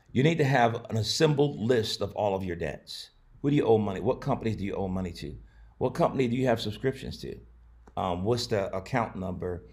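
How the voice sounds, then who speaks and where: A man's voice: on the low side, creaky, a little mellow. A man, a pastor, talking earnestly in a casual live-streamed advice talk, with many fillers and restarts. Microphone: camera, not the usual setup.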